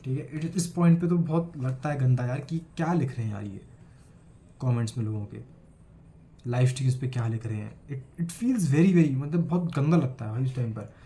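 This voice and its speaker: Mellow and medium-pitched, this young man's voice moves at a moderate pace. He's an 18-year-old Indian-accented student vlogger, earnestly talking to camera in a casual video while recovering from a cold and mixing Hindi and English.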